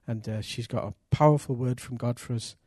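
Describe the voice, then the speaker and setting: A middle-aged church pastor enthusiastically introduces a guest preacher and leads a prayer, warm and cheering. His voice is medium-pitched and brisk, captured in a dry, clean studio recording.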